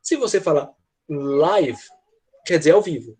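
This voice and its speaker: A man teaching a grammar lesson in an online class, patiently checking in with his students and slowing down to model words. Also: a little high, expressive, a little mellow, a little hiss or hum. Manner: slows down to model English words. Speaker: English teacher.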